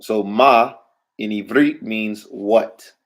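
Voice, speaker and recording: A low-voiced man teaches a Hebrew class, taking his time as he speaks. He often checks in with "right?" or "all right?", asking the students questions and waiting for them to respond.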